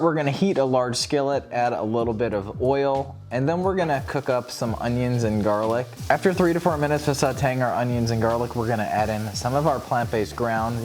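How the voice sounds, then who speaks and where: Guy talking thru a recipe casually, face numb from dental work, mid-pitched voice. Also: darkish tone, a little hiss or hum. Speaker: co-host of cooking channel.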